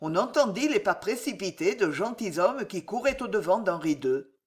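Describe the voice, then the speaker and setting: A woman narrating a historical novel aloud in an expressive, dramatic audiobook reading. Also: medium pitch. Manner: expressive, unhurried storytelling.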